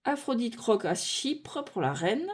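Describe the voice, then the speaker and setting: A woman's voice: fairly high pitch, sing-song, breathy edge. A French-speaking woman casually walking through a tarot deck card by card, thinking aloud with many fillers and restarts. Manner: unhurried, thinking aloud with frequent fillers and self-corrections.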